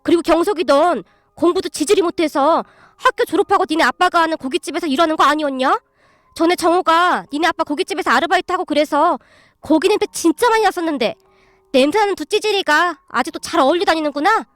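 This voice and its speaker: A woman's voice: very high voice, fast, fairly bright tone, dry recording, clean studio sound. A woman voicing a sneering rich young man who taunts old classmates in a storybook reading. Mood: mocking. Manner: taunting, scornful.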